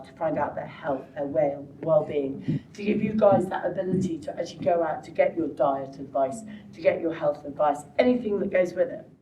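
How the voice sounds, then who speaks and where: A woman's voice: deep voice, roomy sound, distant mic, background noise. A woman speaking bluntly and rousingly in a documentary interview. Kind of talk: documentary interview and motivational talk.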